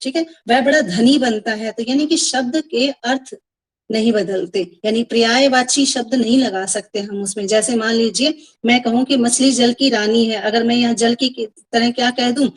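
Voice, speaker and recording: A woman's voice: on the high side, moderate pace, breathy edge, low-quality recording. Woman teacher explaining Hindi poetry online. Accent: Indian Hindi. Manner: explains patiently, repeats examples, calls students beta; mixes English words into Hindi explanation. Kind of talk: online class lesson.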